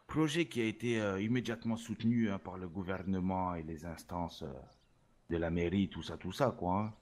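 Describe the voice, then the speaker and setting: A man's voice: low-pitched, normal speed, darkish tone, lightly acted. A man playing a swaggering Salvadoran rap label boss in a role-play interview, boastful and sprinkling Spanish words into his talk. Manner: boastful, peppers speech with Spanish words and 'hein'.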